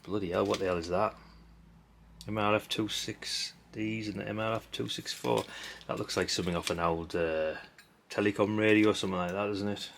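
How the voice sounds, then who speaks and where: Sorting through old parts, a middle-aged hobbyist host talks off the cuff in a lowish, steady, slightly bright voice with some creak, moving a little fast. His chatter is rambling and blunt, peppered with mild swearing and tag questions, and there's slight background noise.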